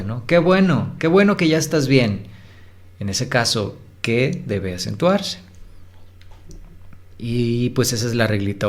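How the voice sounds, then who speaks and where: Male tutor, patient explainer, drawn-out example words, casual fillers. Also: mid-range voice. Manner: explanatory, repeats words slowly to stress syllables, frequent fillers. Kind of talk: recorded lesson.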